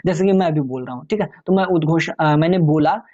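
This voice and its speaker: A man explaining exam topics in a relaxed, conversational lecture, addressing viewers as friends. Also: on the high side, fast talker, muffled recording. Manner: chatty, many fillers and restarts. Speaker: exam tutor.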